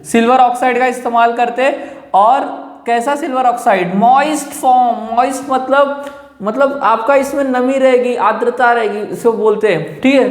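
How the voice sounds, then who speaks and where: A male chemistry teacher giving a lecture. He keeps asking rhetorical questions and answering them himself, and he repeats key terms slowly. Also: very high-pitched. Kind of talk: classroom lecture. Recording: echoey room with long reverb.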